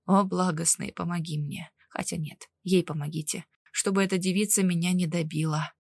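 A woman's voice: low voice, fairly even intonation, no room sound, pitched below the performer's own voice. A woman voicing a weak middle-aged male patient in pain, speaking in a strained, wheezing, hesitant way. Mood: fearful. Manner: hesitant, quiet, halting.

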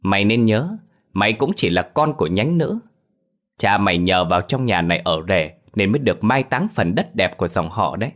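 A man's voice: on the low side, animated, a little fast, fairly bright tone. A man voicing an arrogant, mocking elderly clan head who domineers over his relatives in an audio ghost story. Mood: scornful.

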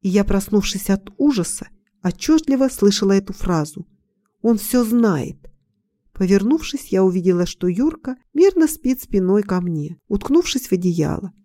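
Woman narrator, mellow warm tone, calm intimate story reading. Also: mid-range voice, normal speed, no echo, clean studio sound. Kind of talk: scripted first-person story narration.

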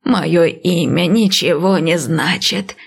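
A woman voicing an old blind priestess and seer, speaking slowly and calmly. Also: on the low side, gravelly, breathy edge, heavily acted. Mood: calm, wise. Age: older. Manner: slow, calm, measured.

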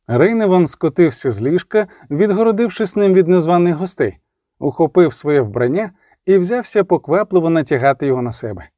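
A man narrating an audiobook in an expressive, vivid storytelling manner. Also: fairly high pitch, fairly quick, dry recording, clean studio sound.

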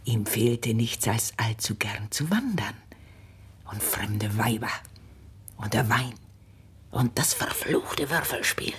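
A husky, melodramatic neighbour widow. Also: female voice, rumbling low, expressive, heavily acted. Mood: bitter. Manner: exclamatory, self-pitying, quick to wail. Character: gossipy middle-aged widow, greedy and dramatic. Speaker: actress playing Marthe. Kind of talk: 1950s German radio drama acting.

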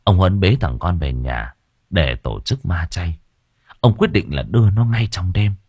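A man's voice: low-pitched, lively intonation, measured pace, darkish tone, breathy edge, no echo, studio quality. A man narrating a horror story in a dramatic, emphatic storytelling manner.

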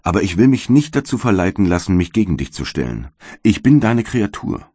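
A monstrous giant creature speaks with bitter, solemn reproach, voiced by a man in a storybook reading. The voice sits very deep. The sound is dry and close. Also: sing-song, a little fast, dark tone, slightly rough, no echo. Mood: pleading. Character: hulking male creature, bitter and pleading. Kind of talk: audiobook reading.

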